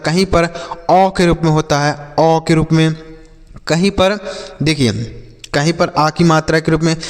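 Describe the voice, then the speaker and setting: A male teacher giving a slow spelling and phonics lesson for children, spelling letters aloud and asking questions before answering them himself. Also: fairly high pitch, big-room sound. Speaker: English teacher.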